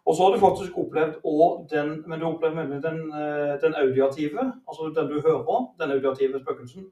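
A man's voice: fairly high pitch, mellow, roomy sound, distant mic, muffled recording. A man hosting a casual podcast chat. He argues playfully and explains things by sorting them into categories. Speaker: podcast host.

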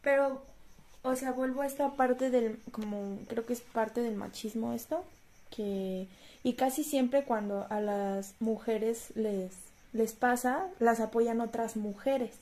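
Agreeable woman, higher voice. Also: steady tone, slow, a little mellow. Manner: agreeable, chimes in often. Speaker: podcast co-host. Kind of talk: casual conversation.

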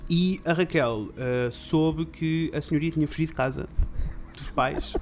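A man's voice: a little high, measured pace, slight background noise. A man with a European Portuguese accent, telling a story in casual chat and acting out the voices of the people in it. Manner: acts out quoted voices, breaks into shouts and laughs.

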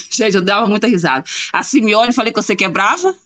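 A woman's voice: mid-range voice, brisk, a bit bright. A woman commenting on a live show in casual chat, emphatic and repeating herself for effect.

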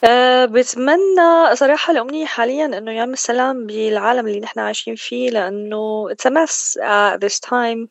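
A woman's voice: a little high, a little fast, gravelly, no echo, muffled recording. A woman with a Levantine Arabic accent chatting casually as a singer in a radio interview, switching between Arabic and English mid-sentence.

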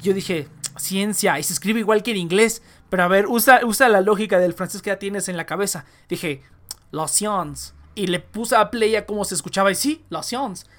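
A man's voice: sits high, fairly quick, hardly any pauses, a bit bright. A young man with a Mexican Spanish accent, co-hosting a podcast in casual chat, rambling with many restarts and fillers. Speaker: podcast co-host.

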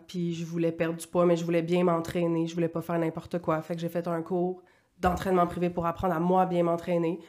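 A woman's voice: on the low side, a little mellow. A woman in her thirties with a Quebec French accent, a podcast guest telling her story in a candid, run-on way. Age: 30s. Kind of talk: casual conversational interview.

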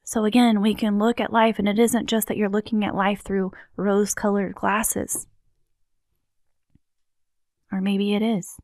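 A woman speaks in an earnest motivational tone with a mid-range voice. She often slows down and drops to a soft, near-whispered hush. The recording is dry and close, with no room sound. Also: mid-range voice, level tone, no echo. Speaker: wellness speaker. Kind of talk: motivational talk.

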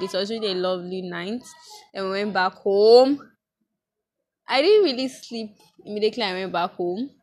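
A young woman with a Nigerian accent, chatting casually in a vlog and mixing in pidgin phrases. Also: mid-range voice. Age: young adult. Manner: chatty, mixes in pidgin, animated storytelling. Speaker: vlogger.

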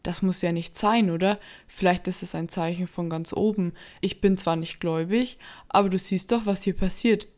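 A woman voicing an eager, excitable young woman in a horror story reading. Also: lowish voice, moderate pace, lightly acted. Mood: indignant. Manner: eager, indignant.

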